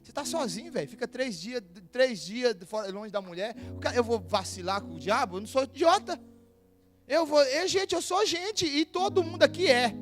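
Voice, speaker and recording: A young man with a Brazilian accent, preaching a sermon in church, telling stories in a lively, joking way and laughing often. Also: very high voice, moderate pace. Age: young adult. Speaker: pastor. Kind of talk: humorous storytelling sermon. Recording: music playing behind the voice.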